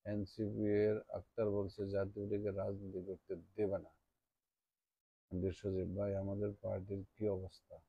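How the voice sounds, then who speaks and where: A man's voice: on the low side, completely flat delivery, moderate pace, husky, no room sound, muffled recording. A middle-aged man hosting a political live stream, reading out the names of viewers as they join and greeting them. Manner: reads out joining viewers' names, checks sound often.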